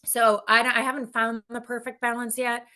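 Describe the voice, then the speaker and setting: Bright-voiced energetic woman guest. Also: fairly high pitch, fairly quick. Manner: energetic and candid, laughs often, many restarts. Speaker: guest, business executive. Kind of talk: casual interview conversation.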